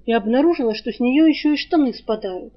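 A woman narrates an audiobook in an even storytelling manner. Her voice sits a little high, and the recording sounds dull and lo-fi. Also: fast talker. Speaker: audiobook reader. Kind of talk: scripted narration.

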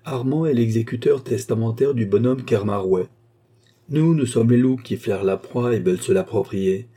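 A man voicing a calm, disdainful, scheming captain in an audiobook, speaking coolly and with command. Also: mid-range voice, moderate pace, close to an everyday voice. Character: cold, scheming male adventurer captain.

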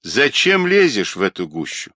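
A man's voice: medium pitch, huge pitch swings, moderate pace, pushed and bright, no room sound, clean studio sound, exaggerated voice. A man voicing a stern, suspicious older retired colonel who scolds a younger man.

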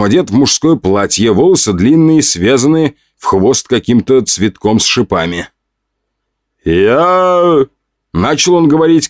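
A man narrating an audiobook in the first person with lively, expressive storytelling. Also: medium pitch, no room sound, studio quality.

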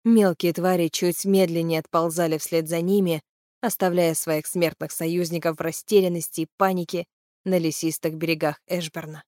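A woman's voice: on the low side, normal speed, no echo. Woman reading a fantasy novel, dry close sound. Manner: even, steady storytelling. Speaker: audiobook reader. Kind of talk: scripted narration of a fantasy novel.

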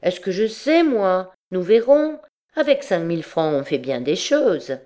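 A woman reading an audiobook, voicing a lively, teasing young working woman who speaks eagerly and playfully. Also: fairly low pitch, measured pace. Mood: eager, excited.

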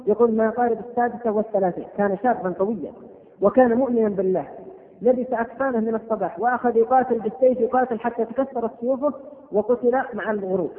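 A man giving a religious lecture as a preacher, reciting poetry with fervent, rhythmic delivery. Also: high voice. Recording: tinny phone-like audio in an echoey hall.

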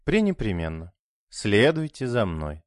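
A smooth, falsely courteous hospital director, as the narrator plays him in an audiobook. His manner is polite and measured. The recording is dry and close. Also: fairly low pitch, big pitch swings, no echo.

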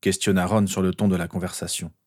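A man narrating an audiobook in a steady, even reading voice. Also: deep voice, fast talker.

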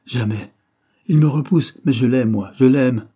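A man's voice: medium pitch, unhurried, warm tone, slightly rough. A man reading aloud, voicing a proud, heartbroken young orphan woman with bitter, tearful reproach. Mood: defiant.

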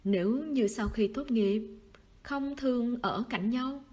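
A woman reading the lines of a wistful, quiet teenage schoolboy in a soft, husky voice. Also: slow. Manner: soft, low-key, sighing.

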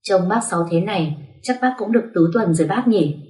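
A woman's voice: mid-range voice, expressive, a little fast, darkish tone, lightly acted. Woman reading as a timid, jumpy young woman. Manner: timid, hesitant. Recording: roomy echo.

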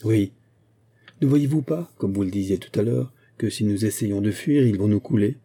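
A man voicing a cool, haughty, aging bishop and former musketeer who gives calm orders in an audiobook. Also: fairly low pitch, normal speed, breathy edge. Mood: calm commanding. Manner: calm, haughty, sure of command.

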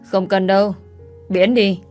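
A woman's voice: mid-range voice, steady tone, a little slow, a little mellow, soft background music, natural voice. A woman voicing a brutal, leering ex-husband. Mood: snarling. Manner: leering, threatening, coarse. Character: brutal abusive ex-husband, grown man.

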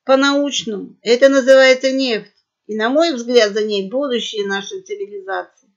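A woman's voice: a little high, moderate pace, close to an everyday voice. A woman voicing a know-it-all female parrot who gurgles and lectures, on a dull lo-fi recording. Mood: lecturing.

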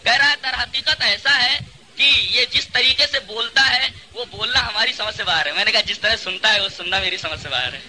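A man's voice: sits high, pushed and bright, low-quality recording. A male Islamic preacher giving a religious lecture, arguing his point with rhetorical questions and mocking an opposing cleric. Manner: argumentative, full of rhetorical questions.

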